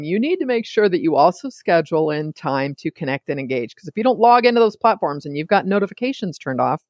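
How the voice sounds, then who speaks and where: A California woman hosts a solo podcast, talking casually and chattily while digressing and often sidetracking herself. Her voice sits low, and there is no room sound.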